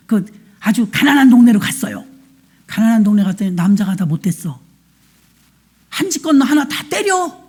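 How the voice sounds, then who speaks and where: A woman's voice: a little high, very animated, moderate pace, long pauses, mellow, husky. A woman pastor telling a story in a sermon, plain-spoken and colloquial, acting out the voices of the people in it. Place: church.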